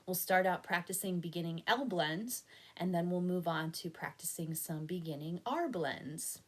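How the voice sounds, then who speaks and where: A woman teacher giving a recorded reading lesson to young children, with slow, clear prompts and patient praise. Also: fairly low pitch.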